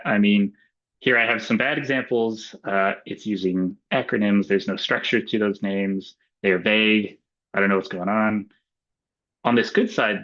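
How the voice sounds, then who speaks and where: An Australian man gives a webinar talk over a video call mic, his voice sitting fairly low. He speaks casually and loosely, filling pauses with ums and uhs. The audio is dull and lo-fi. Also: a bit bright. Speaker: webinar presenter. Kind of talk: relaxed webinar talk with slides.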